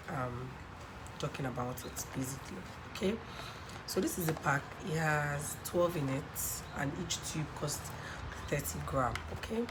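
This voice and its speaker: With a very deep voice made croaky by a cold, a Nigerian woman chats casually on camera about a skincare product as a vlogger, repeatedly adding "um" and "okay." She's filming in a home room by a sunny window close to a road, and traffic noise from passing cars is clearly heard.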